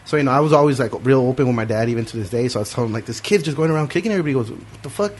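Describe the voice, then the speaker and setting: A man's voice: mid-range voice, darkish tone, breathy edge. A man hosting a podcast, telling a story in casual profane chat and acting out the quotes. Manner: quick, profane anecdote telling with acted quotes. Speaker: podcast host.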